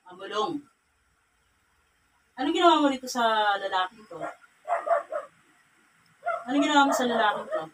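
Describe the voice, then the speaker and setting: During a healing ritual interrogation, a woman faith healer speaking with a Cagayan Valley Filipino accent questions and scolds sternly, repeating herself. Her voice is a little high with lively intonation and a moderate pace broken by long pauses, recorded from afar with faint ambient noise.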